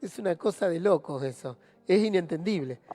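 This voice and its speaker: A man with a Rioplatense Spanish accent leading a Bible study sermon, telling stories in an animated way. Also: sits high, normal speed, long reverb tail. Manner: animated storytelling, acting out quoted speakers.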